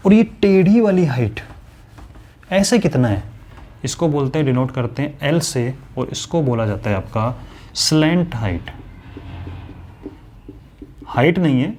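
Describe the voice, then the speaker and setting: A man's voice: fairly high pitch, warm tone. A man teaching a maths lesson in a chatty way, talking straight to his students and acting out their questions. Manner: conversational, addresses students directly, voices their questions. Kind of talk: classroom lesson explanation.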